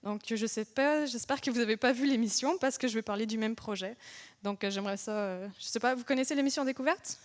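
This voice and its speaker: A woman's voice: on the high side, brisk. A young woman from France with a French accent, giving a chatty, interactive public lecture as an engineer, with many fillers and questions to the audience.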